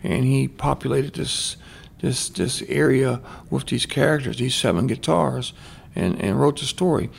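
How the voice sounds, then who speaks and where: A man speaks in an interview, reflective and halting as he repeats words. His voice is strongly gravelly throughout. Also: medium pitch. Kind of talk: interview answer.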